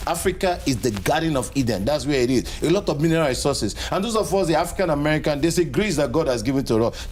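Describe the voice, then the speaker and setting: A man's voice: fairly high pitch, a little mellow, a little hiss or hum. A man answering as a guest in an interview, speaking emphatically and repeating phrases for stress.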